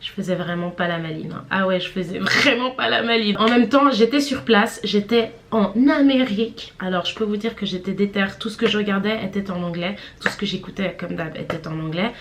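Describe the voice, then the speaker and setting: A woman's voice: medium pitch, fairly quick, few pauses, fairly bright tone, a little hiss or hum. A woman in her twenties telling a story to her viewers in a chatty, slangy vlog. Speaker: vlogger.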